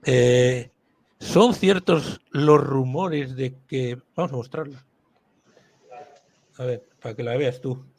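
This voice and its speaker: A man hosting a live-stream talk, relaxed and jokey. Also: medium pitch, takes it slowly, long pauses. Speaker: host.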